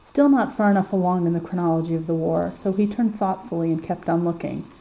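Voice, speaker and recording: A woman reading a story aloud in calm, measured audiobook narration. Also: fairly low pitch, rough recording. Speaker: story reader. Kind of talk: audiobook narration of fan fiction.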